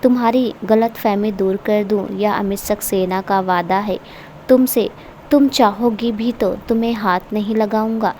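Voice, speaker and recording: A woman voicing an angry young husband who is also a protective uncle, read in a stern, forceful way. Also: mid-range voice, steady tone, a little slow, slight background noise, natural voice.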